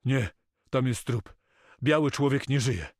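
A man's voice: mid-range voice, fairly even intonation, moderate pace, breathy edge, no room sound, clean studio sound, close to an everyday voice. A man voicing a frightened, loyal male servant who reports urgently.

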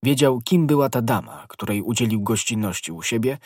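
A man narrating a classic novel as an audiobook, in measured, even storytelling. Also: medium pitch, slightly rough, no room sound, clean studio sound. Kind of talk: scripted narration.

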